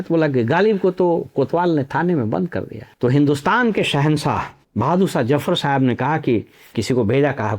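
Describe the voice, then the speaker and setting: A middle-aged man from Bihar, a former civil servant giving storytelling commentary full of proverbs and anecdotes. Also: a little high. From Nalanda district, Bihar. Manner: anecdotal, uses proverbs, measured.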